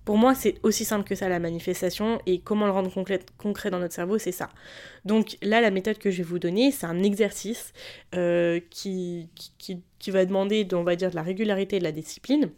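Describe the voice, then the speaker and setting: A woman's voice: medium pitch, fairly even intonation, fairly quick, darkish tone. A woman hosting a casual solo podcast, speaking informally and motivationally to her listeners, her voice thickened and altered by tonsillitis, as if through swollen tonsils. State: sick with a throat infection. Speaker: podcast host.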